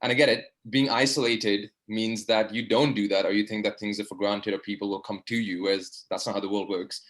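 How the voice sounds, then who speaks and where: This young man, a medical student participating in an online discussion, poses a lengthy, meandering question by video call, sincere and filler-heavy. He talks fairly quickly with hardly any pauses, his lowish, slightly bright voice keeping a fairly even intonation.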